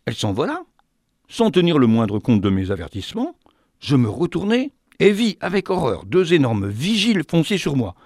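A man telling a fantastic tale in an expressive, theatrical way. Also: fairly high pitch, normal speed, no room sound, clean studio sound. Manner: animated, theatrical. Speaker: storyteller.

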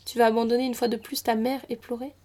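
A woman's voice: a little high, level tone, fast talker, warm tone, close to an everyday voice. A woman voicing an old widowed mother who is clingy and tearful, pleading and reproachful. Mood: indignant.

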